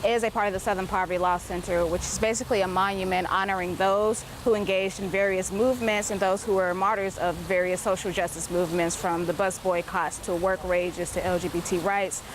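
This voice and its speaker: A woman's voice: mid-range voice, steady tone, fairly quick, few pauses. Young woman explaining on location, traffic. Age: 20s. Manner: informative and explanatory. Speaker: guide at a memorial.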